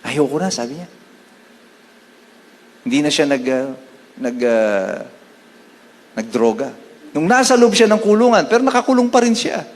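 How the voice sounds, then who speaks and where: A Filipino pastor delivers a sermon, mixing Tagalog and English and easing into slow, deliberate scripture readings. His voice sits high for a man. The room behind him adds a long, lingering reverb. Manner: switches between Tagalog and English, quotes scripture slowly.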